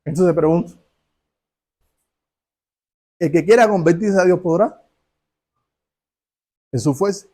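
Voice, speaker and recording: Higher-voiced male preacher. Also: slow pace, long pauses, warm tone. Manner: asks rhetorical questions and acts out dialogues. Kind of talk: sermon.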